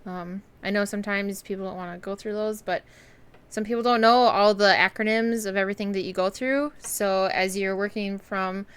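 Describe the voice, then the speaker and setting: Bright, upbeat woman stream host. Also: mid-range voice, fairly even intonation, normal speed, clear, resonant tone. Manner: upbeat, laughs often. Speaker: host and esports coach. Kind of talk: casual livestream chat. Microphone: live stream microphone.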